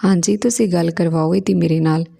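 A woman's voice: fairly low pitch, fairly even intonation, fairly quick, creaky, dark tone. A woman voicing an older mother-in-law who talks in a polite, worried way, in a storybook reading. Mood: fretful.

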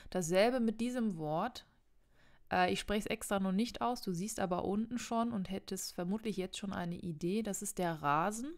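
A young woman teaches Spanish in a casual online video lesson, speaking straight to the viewer in a chatty way and correcting herself as she goes. Her voice is mid-range and her speed is normal.

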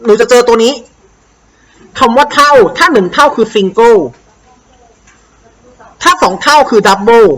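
Slow, bright-voiced Thai woman teacher. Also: a little high, low-quality recording. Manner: slow, patient, drills words and asks pupils to repeat. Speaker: English teacher. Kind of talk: explaining a worksheet to young pupils.

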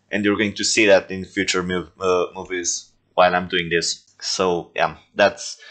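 Man, deep voice, toy-film creator reacting to his past work, loose and self-mocking, jokey asides. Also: a bit bright. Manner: rambling, self-deprecating, joking. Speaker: stop-motion filmmaker reviewing his own movies. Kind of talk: casual reaction commentary.

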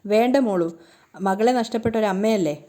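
A woman voicing a smooth-talking, scheming middle-aged man who lies persuasively. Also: medium pitch, normal speed, mellow, natural voice.

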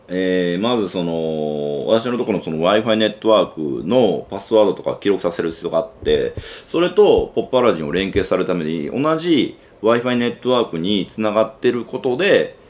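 A man with a Kansai accent hosting a casual gadget unboxing review, chatty and thinking aloud with lots of fillers. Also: low-pitched. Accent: Kansai Japanese. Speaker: gadget reviewer and channel host.

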